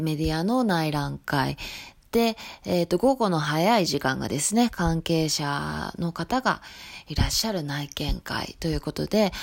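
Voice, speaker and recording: A woman with a Hiroshima accent talks through her voice blog in a loose, friendly way. Her voice sits a little low for a woman, and her dialect colours her speech more as she relaxes. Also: vocal fry. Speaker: shop sales staff hosting a voice blog. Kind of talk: casual spoken voice blog.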